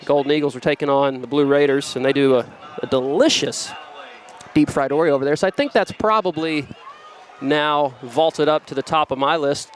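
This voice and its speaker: A man calls a small-town high school football game in a slightly high voice, trading jokey, rambling asides about food with his partner. Faint outdoor stadium noise sits behind him. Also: normal speed. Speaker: play-by-play commentator. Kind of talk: local high school football broadcast commentary.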